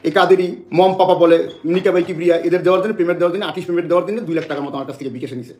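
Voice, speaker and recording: A man's voice: fairly high pitch, fairly even intonation, very fast, darkish tone, echoey room. A man from Bangladesh making an emotional public statement to the press, agitated and repeating phrases over and over.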